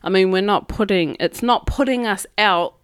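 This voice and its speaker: A woman's voice: mid-range voice, moderate pace, clear, resonant tone, no echo, studio quality. A woman with a New Zealand Māori English accent co-hosts a podcast, telling stories in a chatty, colloquial way. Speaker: podcast co-host. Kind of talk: casual chat. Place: makeshift setup in hotel room.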